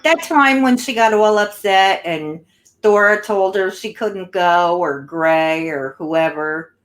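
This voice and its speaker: Woman host chatting slow and blunt, kinda scornful, middle pitch. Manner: blunt, scornful of the person discussed. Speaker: channel host. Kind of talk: casual commentary chat.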